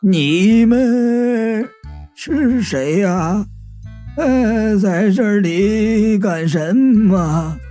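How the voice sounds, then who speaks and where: A reader voicing an old man who is a possessed corpse, speaking slowly and hesitantly in an audiobook story. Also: medium pitch, warm tone, soft background music. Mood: wary. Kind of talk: audiobook character voice.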